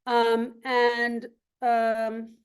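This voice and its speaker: A woman's voice: on the high side, monotone, drawn-out words, clear, resonant tone. A woman from Lebanon giving an academic seminar talk over a video call, thoughtful and full of ums and restarts.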